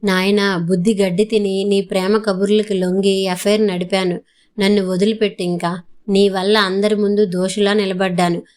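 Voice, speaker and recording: A woman's voice: mid-range voice, flat delivery, moderate pace, a little mellow, lightly acted. A woman doing a scornful quarrelsome young woman. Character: sharp-tongued young woman, resentful lover.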